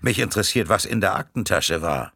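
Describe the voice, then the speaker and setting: A man's voice: sits low, lively intonation, fairly quick, vocal fry, bright, forceful tone, no echo, studio quality, exaggerated voice. A man reading an audiobook, voicing a curt, commanding male spy leader.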